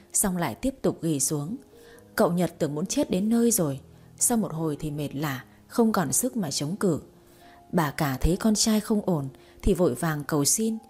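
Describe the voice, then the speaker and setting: A woman narrating an audiobook story with a steady, expressive delivery. Her voice is mellow and slightly husky, with soft music faintly underneath. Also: on the low side.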